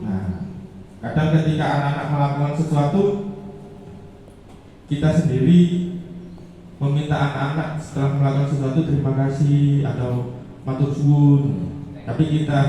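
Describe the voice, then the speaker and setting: A man's voice: fairly high pitch, mellow, a little hiss or hum. A male teacher presents to fellow teachers in a chatty, hesitant way, with many fillers. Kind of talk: workshop presentation. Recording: echoey room from far off.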